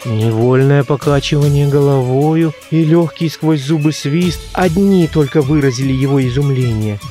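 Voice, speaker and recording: A man reading a literary story aloud in a measured, expressive narration. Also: a little high, faint music behind. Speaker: audiobook reader.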